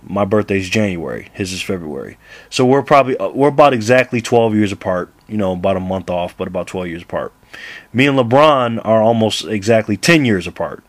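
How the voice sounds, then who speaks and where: Low-voiced man in his thirties, laughing often. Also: animated, a little fast, no echo. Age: 30s. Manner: laughs often, rambling with restarts. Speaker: basketball vlogger. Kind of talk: casual to-camera rant.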